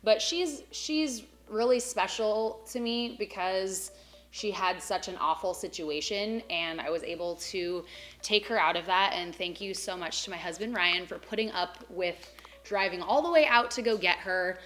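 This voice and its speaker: A young woman talking about her pets in a casual home vlog, her voice bright and clear. She chats on easily, full of "um" and "like", and is a little out of breath. She sounds at ease and talks straight to her viewers. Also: mid-range voice, measured pace. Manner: chatty, filler-heavy with frequent "um" and "like". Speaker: pet vlogger. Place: home animal room.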